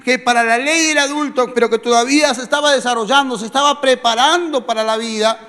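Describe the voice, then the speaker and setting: A man's voice: very high-pitched, fairly bright tone. A man with a Rioplatense Spanish accent preaching a sermon as a pastor, talking to the congregation in a conversational way with questions and fillers. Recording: long reverb of a large hall.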